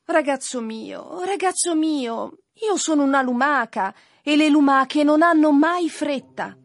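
A man voicing a calm, unhurried female snail with a drawn-out, leisurely delivery in a storybook reading. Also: very high voice, dry recording, pitched above the performer's own voice, heavily acted.

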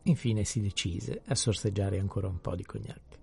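A man calmly reading a novel aloud as an audiobook narrator. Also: on the low side, normal speed, creaky, breathy edge, faint music behind. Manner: calm, even storytelling. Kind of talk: scripted narration.

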